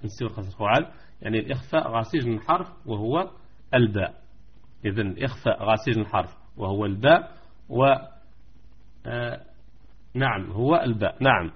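Guy teaching tajweed online, husky voice, dull lo-fi sound, says things twice. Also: mid-range voice. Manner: repeats points slowly, chants verses. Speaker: Quran recitation teacher. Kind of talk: live online tajweed lesson.

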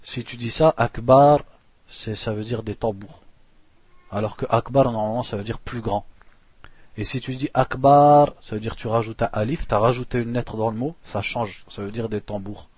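A man teaching a religious lesson, reading passages fast and then explaining them plainly with restarts. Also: lowish voice, fairly even intonation, darkish tone, no echo. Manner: reads Arabic passages quickly, then explains slowly with restarts; clears throat now and then.

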